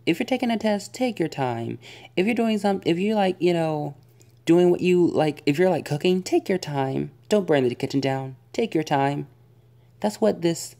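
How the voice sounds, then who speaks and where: A woman's voice: low-pitched, creaky, dark tone. A young woman vlogger giving a casual spoken movie review, rambling and exasperated, full of fillers and groans.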